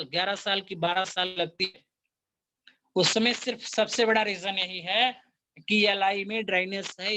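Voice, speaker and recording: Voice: medium pitch, pushed and bright, a little hiss or hum. A teacher of acupuncture and Chinese medicine giving a workshop lecture, explaining step by step with patient case stories and repeating key terms.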